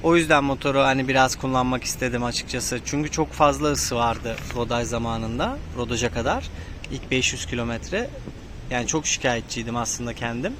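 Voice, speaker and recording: A man's voice: medium pitch, brisk, noisy background. A man giving a casual, unscripted motorcycle review from inside a helmet, explaining things a little hesitantly. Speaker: motovlogger reviewing his motorcycle.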